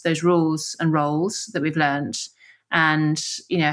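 A woman's voice: fairly low pitch, a bit bright. A woman co-hosting a coaching podcast, speaking in a reflective, casual way and often affirming with "yeah". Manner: reflective, many affirming yeahs. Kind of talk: casual conversational podcast chat.

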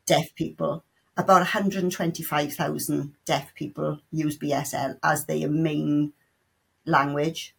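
This middle-aged sign language tutor from South Wales has a South Welsh accent and a low, steady, gravelly voice that is a bit bright, slightly rough and a little slow. She answers interview questions chattily, with many restarts and playful asides.

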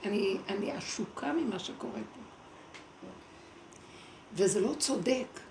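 Gravelly-voiced woman telling a spiritual story. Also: medium pitch, slight background noise. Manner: animated, acts out quoted voices. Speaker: speaker at a spiritual gathering. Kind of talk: spiritual talk with personal storytelling. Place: evening gathering indoors. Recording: echoey room with clear background ambience.

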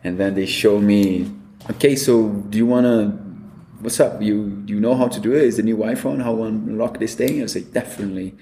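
A man's voice: lowish voice, a little fast, echoey room, a little hiss or hum. A man with a Brazilian Portuguese accent, telling stories as an interview guest and acting out quoted dialogue. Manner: animated storyteller, acts out quoted dialogue. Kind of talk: storytelling interview.

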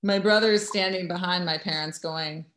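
A woman from New York telling a lively story in casual chat, acting out what others said. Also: fairly low pitch, moderate pace, slight background noise. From United States. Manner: animated, acts out quoted voices. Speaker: guest. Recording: echoey room.

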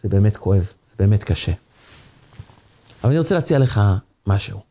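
A man voicing a gentle, wise old rabbi who speaks in a soothing, reassuring way. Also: on the low side, lively intonation, voice pushed down.

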